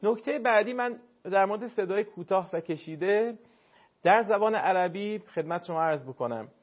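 Recitation teacher guy, slightly high voice, polite, explains and drags out words to show them, muffled audio. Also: lively intonation. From northern Iran. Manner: courteous, explanatory, demonstrates words slowly. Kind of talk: call-in recitation lesson.

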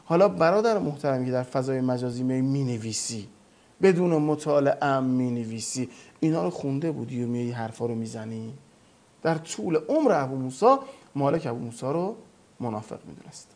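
Here a talk-program guest with a mid-range, darkish, animated voice recounts religious history. His delivery is emphatic and lecture-like, full of quoted dialogue.

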